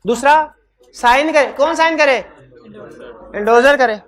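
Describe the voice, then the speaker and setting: High-pitched man lecturing with a sore throat. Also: measured pace, fairly bright tone. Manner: quizzes students with repeated questions. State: throat trouble, talking loudly. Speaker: law teacher. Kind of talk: classroom lecture. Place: hybrid classroom. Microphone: microphone.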